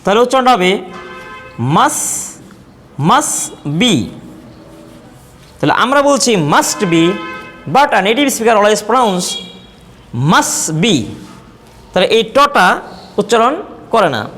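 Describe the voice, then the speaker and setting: A man with a Bangladeshi accent teaching a spoken English lesson, slowly repeating example words to contrast how they are pronounced. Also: very high-pitched, animated, a bit bright, soft background music. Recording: long reverb.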